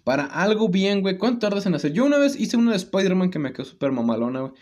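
Telling a story in casual conversation, a young man with a Mexican Spanish accent speaks quickly in a high voice. He's animated and slangy, laughing often.

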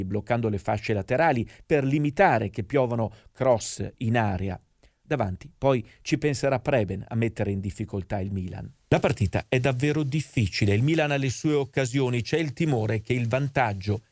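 A man's voice: medium pitch, darkish tone, no echo, clean studio sound. A man narrating scripted football history in a dramatic storytelling manner.

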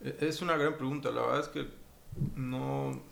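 A man in his forties from Mexico City with a Mexican accent, talking casually as an interview guest, relaxed and rambling with many fillers. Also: medium pitch, moderate pace, vocal fry. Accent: Mexican Spanish. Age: 40s. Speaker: guest, finance executive.

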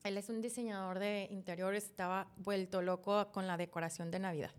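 A woman's voice: medium pitch, brisk. A woman, a podcast guest, telling an emotional personal story and acting out past conversations. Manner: animated, laughs often, retells dialogue.

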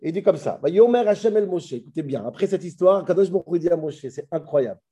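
A man giving an animated scripture class. He recites verses and talks straight to his listeners with emphasis. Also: sits high, fairly quick, husky. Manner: dramatizes dialogue, switches to Hebrew recitation; addresses listeners directly, emphatic. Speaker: Torah teacher.

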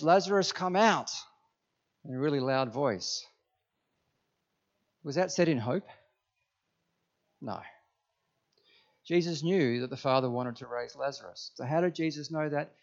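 A man's voice: mid-range voice, darkish tone, lo-fi sound. A man preaching a sermon to a congregation in church, emphatic and often asking the listeners questions. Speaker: pastor.

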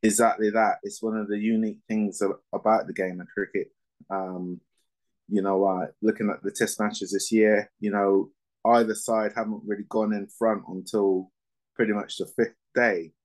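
A man in his fifties who grew up in Barbados, a former cricketer and coach answering interview questions in a measured way with lots of ums. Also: on the low side, flat delivery, rough recording. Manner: measured, with frequent fillers.

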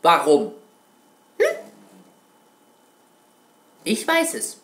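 A man's voice: fairly high pitch, wildly swooping pitch, extremely slow, fairly bright tone, echoey room. A man giving a casual, rambling video reply about a video game, who keeps addressing his viewers as "Kunstfreunde" and swears casually. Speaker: gaming video host.

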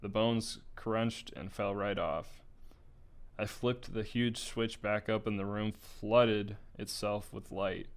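A man's voice: fairly low pitch, fairly even intonation, slow, clear, resonant tone. A young man reading a story aloud in a casual way, stumbling over words now and then and breaking off for asides. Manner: casual, with slips, laughs and asides.

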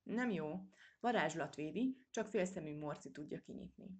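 A woman's voice: low-pitched, expressive, darkish tone. A woman voicing a loyal young male mouse friend who speaks earnestly and matter-of-factly.

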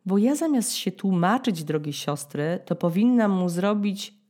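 A woman in her thirties from Poland hosting a podcast, telling a story in a dramatic, ironic way, with sudden high-pitched bursts as she acts out scenes. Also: expressive, measured pace, a little mellow. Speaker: podcast host. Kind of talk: storytelling monologue.

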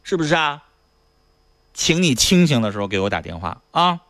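A man's voice: on the high side, very animated, normal speed, heavy background noise. A man hosting a call-in radio show, bluntly lecturing callers. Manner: scolding, lecturing. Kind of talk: blunt advice radio talk. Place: radio studio. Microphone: studio mic.

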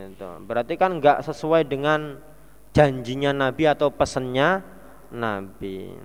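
A man's voice: mid-range voice, a bit bright, smooth. A man with a Javanese accent teaching as a religious teacher, reading a classical text and translating it word by word, with playful asides. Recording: long hall reverb.

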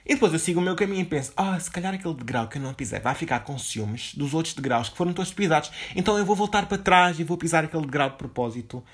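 Young male podcast host, European Portuguese accent, rambling slangy chatter, a bit high-voiced, quick. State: dizzy and low on energy after waking up. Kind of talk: casual solo podcast monologue.

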